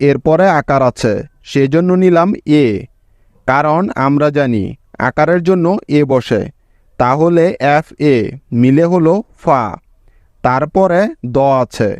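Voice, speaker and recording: A man giving a spelling lesson at a very unhurried pace, breaking each word down letter by letter. His voice sits somewhat high. It is recorded close and dry, with no room echo. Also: a little mellow. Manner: patient, explains letter by letter, checks in with students. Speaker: English spelling teacher. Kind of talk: slow step-by-step spelling lesson.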